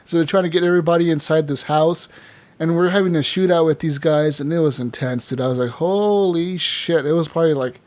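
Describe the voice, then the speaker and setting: A man co-hosting a casual gaming podcast, telling animated stories full of swearing and constant filler words. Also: on the high side, fast talker. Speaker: podcast co-host.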